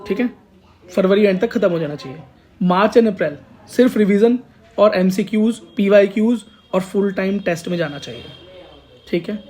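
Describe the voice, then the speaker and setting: A man's voice: high voice, darkish tone. A man teaching exam coaching, giving motivational study advice in an urging, repetitive way and calling his students "beta". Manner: exhorting, repeats lines, calls students "beta".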